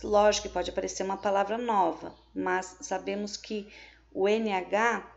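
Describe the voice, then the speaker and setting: A woman's voice: mid-range voice, fairly even intonation, moderate pace, creaky, muffled recording. A woman with a Brazilian Portuguese accent, teaching a remote lesson to young pupils and explaining each step patiently, with frequent checks. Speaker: primary school teacher.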